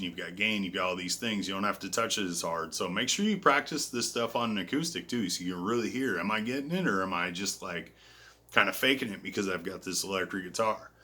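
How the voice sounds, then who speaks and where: A man giving a casual guitar lesson in a relaxed, self-deprecating way, calling out frets and counting beats. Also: low voice, a little fast, slightly rough. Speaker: guitar teacher. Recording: loud guitar playing behind the voice. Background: electric guitar.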